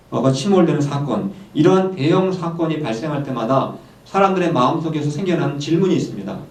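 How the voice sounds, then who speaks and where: A man preaching a sermon in Korean, pausing often on hesitant fillers and slowing to read scripture aloud. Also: medium pitch, darkish tone. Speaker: pastor. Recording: echoey room, voice from far off.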